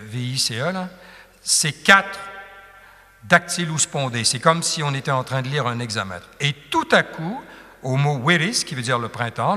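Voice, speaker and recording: A man's voice: medium pitch, bright, forceful tone. A man giving a patient classroom lecture on poetry, tapping out rhythms with syllables. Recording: long hall reverb.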